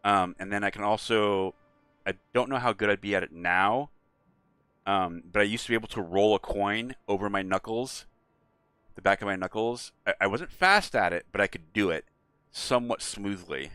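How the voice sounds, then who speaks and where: Bright-voiced man chatting while gaming. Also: on the low side, normal speed, clean tone, no echo. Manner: rambling, playful, chuckles often. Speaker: let's player streaming to chat. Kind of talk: casual chat over gameplay.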